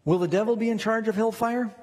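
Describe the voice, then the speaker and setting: A man's voice: high voice, steady tone, quick pace, darkish tone, in a large hall. A man preaching a sermon as a pastor, telling stories and rising into emphatic questions.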